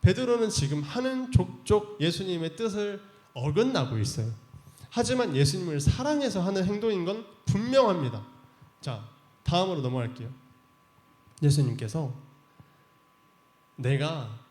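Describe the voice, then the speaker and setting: Youth pastor guy, animated storytelling, slightly high voice, echoey church. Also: normal speed. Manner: animated retelling that acts out the characters' voices, chatty. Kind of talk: storytelling sermon for teens.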